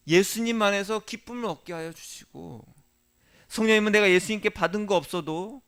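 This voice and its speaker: Male pastor, high-pitched, sermon delivery that shifts between hushed and forceful lines. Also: clean tone. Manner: rhetorical questions to the congregation, swings from soft to emphatic.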